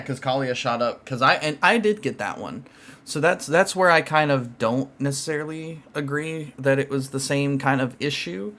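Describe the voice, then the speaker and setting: A man's voice: mid-range voice, a bit bright. A man hosting a podcast, chatting casually and rambling with lots of fillers and restarts. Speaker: podcast host. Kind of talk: casual chat about card games.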